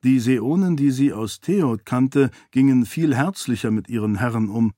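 A man calmly narrating a fantasy audiobook in a measured, even way, close to the mic. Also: medium pitch, no echo. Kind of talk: scripted narration.

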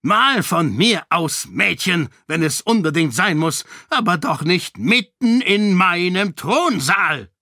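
A man voicing an irritable, blustering older king who shouts in exasperation. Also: high voice, animated, slow pace, few pauses, dry recording, studio quality, pitched above the performer's own voice, heavily acted. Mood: exasperated.

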